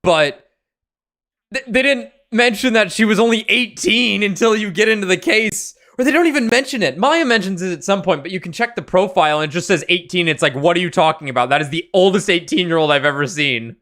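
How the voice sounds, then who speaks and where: A man's voice: high-pitched, fairly quick, fairly bright tone. A young man hosting a game stream, explaining the story in a rambling, casual way. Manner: rambling, with many fillers and restarts. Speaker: streamer, host.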